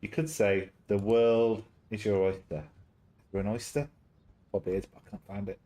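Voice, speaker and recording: A man's voice: lowish voice, steady tone, moderate pace, mellow. A young man casually reading a story game aloud on a stream, chatty and easily sidetracked into jokes. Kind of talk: casual live-stream chat and game narration.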